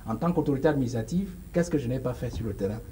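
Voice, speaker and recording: A man's voice: mid-range voice, animated, very fast, warm tone, slight background noise, poor audio. A man in his forties with a Cameroonian French accent, a guest speaking emphatically in a studio interview, with frequent hesitations. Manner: emphatic, gestures while speaking, many hesitations. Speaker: political guest. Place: small studio set with sofas. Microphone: lapel.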